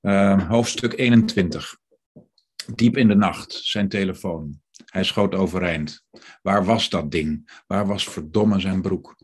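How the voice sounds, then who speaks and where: Man reading a novel aloud, deep voice, husky tone, measured and steady. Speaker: author reading his novel. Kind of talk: literary reading.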